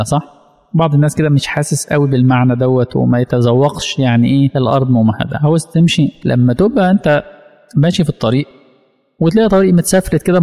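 A man's voice: mid-range voice, dark tone. A man with an Egyptian accent giving a religious lesson, asking his audience rhetorical questions as he goes. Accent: Egyptian Arabic. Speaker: religious teacher. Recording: long hall reverb.

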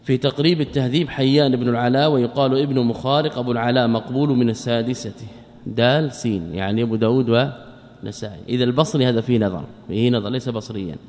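Male sheikh giving a text lesson, mid-pitched voice, repeats and quizzes students, reverberant hall. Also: a little mellow. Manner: explains slowly, repeats key phrases, quizzes students. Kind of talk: classical Arabic study lesson. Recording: long reverb of a lecture hall.

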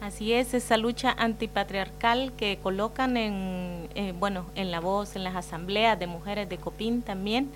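A woman's voice: mid-range voice, a little slow, hardly any pauses, slight background noise. A woman with an Argentine Spanish accent co-hosting a community radio show, sending earnest greetings with fillers. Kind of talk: casual radio talk.

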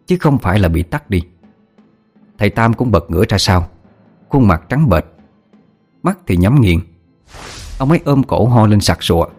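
Low-voiced male horror narrator. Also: a little mellow. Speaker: audiobook narrator. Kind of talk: scripted horror story narration.

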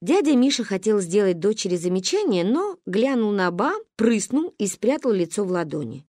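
A woman's voice: medium pitch, big pitch swings, moderate pace, mellow, dry recording, studio quality. A woman narrating a story as an audiobook, expressively.

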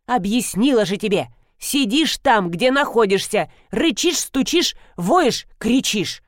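A woman reading an audiobook, voicing an excitable, bossy older mother-in-law who gives commands. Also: measured pace, dry recording, clean studio sound. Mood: commanding. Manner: commanding, shrill when alarmed.

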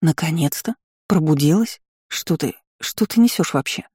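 A woman's voice: deep voice, expressive, moderate pace, warm tone, slightly rough, dry recording, clean studio sound. A woman voicing a frightened young heroine on the edge of hysteria in an audiobook. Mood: panicked. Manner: panicky, near hysterical.

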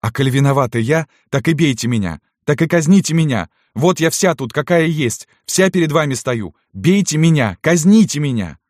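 A man's voice: mid-range voice, normal speed, no echo, clean studio sound, voice pushed up, natural voice. A man voicing a young peasant girl who speaks in a trembling, throaty voice, desperate and defiant. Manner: trembling, throaty, pleading outbursts.

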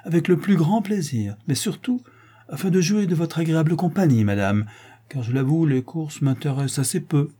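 A man's voice: a little high, normal speed, dark tone, breathy edge, pitched above the performer's own voice. A man doing a polite society lady.

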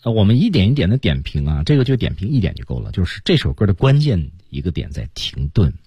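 A man's voice: sits low, sing-song, fast, dark tone, breathy edge, no echo. A man co-hosting a radio lesson, explaining singing technique step by step and singing short phrases to show it. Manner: explains step by step, sings snippets to demonstrate. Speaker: singing coach co-host. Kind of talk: radio teaching talk.

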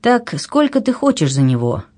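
A reader voicing a proud young noblewoman who speaks in a high, commanding, urgent tone. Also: big pitch swings, moderate pace, a little mellow, lightly acted. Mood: eager.

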